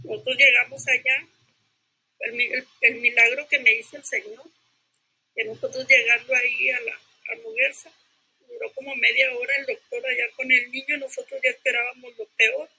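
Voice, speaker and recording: An older woman giving her personal testimony in a church class. She speaks haltingly, repeats herself and keeps adding tag questions. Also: fairly high pitch, little pitch movement, sharp tone, husky, low-quality recording.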